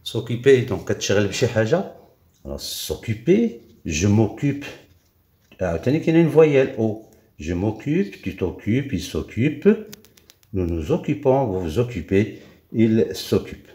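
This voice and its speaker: Male teacher, Moroccan accent, deep mellow voice, lively up-and-down delivery, patient repetitive drilling. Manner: drills forms slowly with many repeats and fillers. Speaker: French teacher. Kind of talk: classroom grammar lesson. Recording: echoey room.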